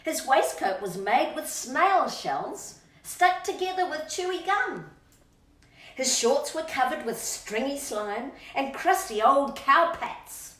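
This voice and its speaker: This woman's voice is high-pitched, expressive, a bit bright, and slow-paced as she reads a storybook to kids on her channel. She plays up the sing-song rhythm, lingers on words for emphasis, and breaks off to chat with her dog. A distant mic picks her up with a roomy echo.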